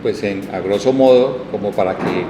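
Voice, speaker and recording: A Colombian man, a design program director, answering interview questions in a reflective way, pausing with fillers. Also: on the low side, noisy background. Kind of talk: conversational interview. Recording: echoey hall with music.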